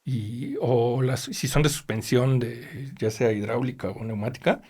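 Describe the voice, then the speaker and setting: A man's voice: medium pitch, unhurried, breathy edge. A middle-aged man with a Mexican accent, a chief mechanic telling stories in a casual interview and acting out the lines of other people. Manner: animated, acts out quoted dialogue. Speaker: race team chief mechanic.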